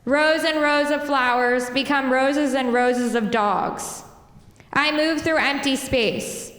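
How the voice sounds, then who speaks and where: A woman reads her poems slowly, line by line, in a high, bright voice. The sound carries the long ring of a big echoey hall. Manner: slow, deliberate line-by-line delivery with soft laughs between poems. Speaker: poet reading her work. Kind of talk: poetry reading at a live event. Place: performance space.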